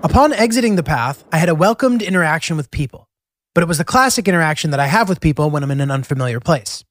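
A man's voice: fairly high pitch, lively intonation, quick pace, no room sound. An American man narrating a travel diary for his podcast in a casual, filler-heavy way, often saying "like". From United States. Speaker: podcast host. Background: music.

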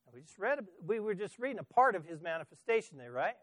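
A man preaching a sermon as pastor, swinging from loud emphasis to soft asides and asking the congregation questions. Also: high-pitched, sing-song, fast talker, no room sound.

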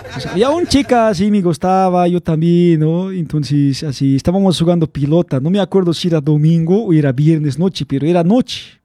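Man, high voice, rambling casual storyteller, chuckles a lot, slangy asides to the listener. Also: mellow. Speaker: vlog host telling a story.

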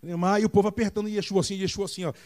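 A Brazilian man preaching a Sunday sermon in a church, retelling a Bible story and acting out the voices of the people in it with big jumps in pitch. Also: steady tone, rapid-fire, darkish tone. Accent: Brazilian Portuguese. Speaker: pastor.

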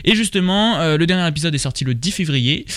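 A man's voice: a little high, animated, quick pace, fairly bright tone, dry recording, clean studio sound. A young man hosting a casual podcast, rambling with lots of fillers and restarts. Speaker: podcast host.

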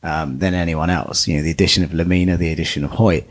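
A man's voice: sits low, steady tone, fast talker. A man co-hosting a podcast, chatting casually about football with lots of fillers. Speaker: podcast co-host.

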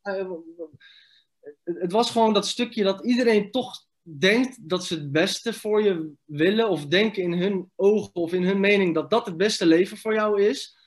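Man guest, fairly high voice, emphatic and blunt in casual talk. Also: unhurried. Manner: emphatic, blunt, with loose English slang. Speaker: podcast guest, entrepreneur. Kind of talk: casual podcast conversation.

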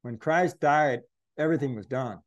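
A man's voice: mid-range voice, moderate pace, highs cut off. A man earnestly recounting a spiritual experience as an interview guest, reflective and searching for words. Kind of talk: conversational testimony.

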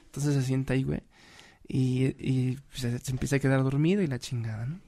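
A young man with a Mexican Spanish accent tells a story in casual chat, speaking briskly at medium pitch. He is animated, full of slang, and laughs as he talks.

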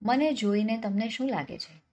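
A woman's voice: on the high side, animated, normal speed, darkish tone, pitched above the performer's own voice. A woman voicing a clever, penniless young man in a folk tale, cheeky and self-assured, answering questions with questions.

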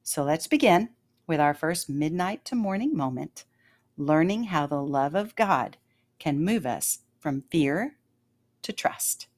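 A woman hosting a devotional podcast, telling a personal story in a calm, earnest, measured way and slowing down on key phrases. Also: low-pitched.

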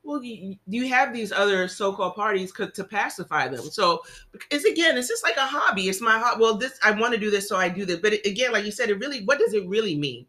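A woman's voice: medium pitch, animated, quick pace, pushed and bright. A woman talking earnestly in a casual discussion, circling her point with frequent restarts and fillers. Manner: earnest, rambling with many restarts.

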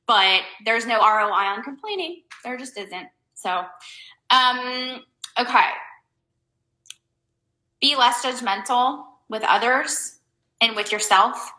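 A woman's voice: fairly high pitch, slow, long pauses, bright, forceful tone, echoey room, rough recording. A woman hosting a casual advice talk for her viewers. She rambles loosely, leans hard on fillers like "um" and "like", and makes blunt, emphatic points. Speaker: host giving life advice.

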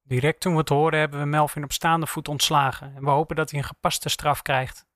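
A man voicing an HR manager, speaking quietly in a formal, measured way. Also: fairly high pitch, level tone, no room sound, clean studio sound, natural voice. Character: calm formal HR manager on the phone.

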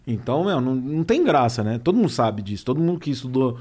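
A man's voice: big pitch swings, fast, a little mellow. A man, a comedian and impressionist chatting casually on a podcast, self-deprecating, with frequent restarts. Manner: self-deprecating, restarts often, shifts pitch to imitate.

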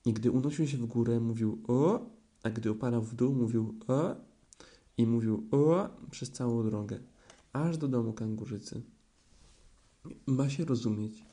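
A man narrating a children's storybook in a gentle storytelling manner. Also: mid-range voice. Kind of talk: children's audiobook reading.

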